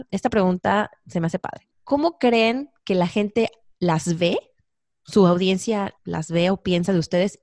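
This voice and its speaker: A woman's voice: medium pitch, a little mellow, no room sound, clean studio sound. A Mexican woman hosting a casual interview, thinking aloud in a reflective way. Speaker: host.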